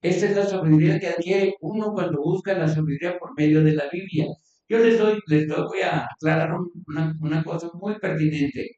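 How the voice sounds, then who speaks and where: A man's voice: fairly high pitch, a little fast, mellow. A man preaching a sermon in a loose, conversational way, often restarting words. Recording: distant echoey church recording, dull sound.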